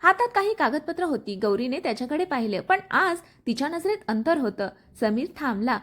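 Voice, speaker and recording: A woman's voice: high-pitched, very animated, a little fast, fairly bright tone. A woman narrating a dramatic story and reading the characters' lines with feeling.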